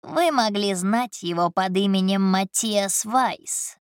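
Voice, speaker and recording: A woman narrator voicing a smug man who speaks in a sugary, smooth way. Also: medium pitch, takes it slowly, no echo, clean studio sound, natural voice. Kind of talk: audiobook character voice.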